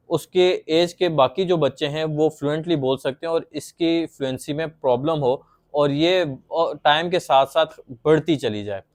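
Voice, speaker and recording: A man giving a patient, plain explanatory lecture on psychology, acting out stuttering examples as he goes. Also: fairly high pitch.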